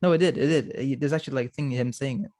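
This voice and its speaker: A young man in his twenties co-hosts a podcast, chatting casually and using lots of filler words. His voice is medium-pitched with a darkish tone, and he talks at a racing pace.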